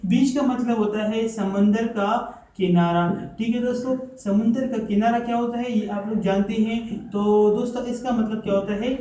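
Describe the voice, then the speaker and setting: एक पुरुष शिक्षक अंग्रेज़ी शब्दों का पाठ पढ़ाता है, शब्दों को धीरे-धीरे दोहराता है और खुद से सवाल पूछकर जवाब देता है।. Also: male voice, high-pitched, steady tone, warm tone, roomy sound, low-quality recording. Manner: repeats words slowly and asks himself questions. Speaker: English teacher, channel host. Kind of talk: spoken vocabulary lesson.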